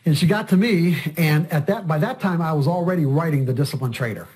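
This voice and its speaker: A man's voice: on the high side, brisk, a little mellow. An older man, a trading coach, telling a story in an interview in a rambling way and often repeating words.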